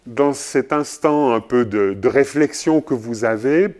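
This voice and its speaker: Male journalism trainer, mid-range voice, measured lecture pace with filler pauses. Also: mid-range voice, a little mellow. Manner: measured, often pausing with fillers. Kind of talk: recorded lecture.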